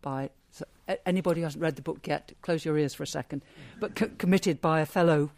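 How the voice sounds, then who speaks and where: Speaking fast in a mid-range voice, a radio presenter leads an interview in a chatty, teasing manner, tossing in lively asides.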